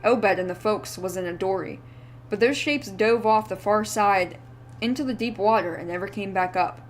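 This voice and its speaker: Here a woman at medium pitch and moderate pace performs a wheezing, ranting old drunkard rambling feverishly in folksy old-timer speech, her voice near its everyday sound. Faint music plays behind her, and the recording carries slight hiss or hum.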